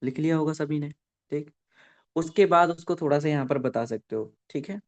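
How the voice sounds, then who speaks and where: A man running a live online training session for network marketing, dictating points slowly and checking in with listeners after nearly every sentence. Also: on the high side. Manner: dictates slowly for note-taking.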